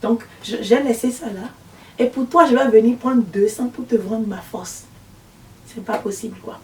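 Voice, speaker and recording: A woman preaching a testimony sermon as a visionary, telling her story in an emphatic, animated way. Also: a little high, moderate pace, slight background noise. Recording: roomy, mic far away.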